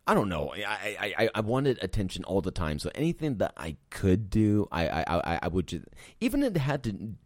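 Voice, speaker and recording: A young man co-hosting a podcast in casual chat, goofy and joking, quick to make fun of himself. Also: sits low, huge pitch swings, dry recording, clean studio sound. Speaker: podcast co-host.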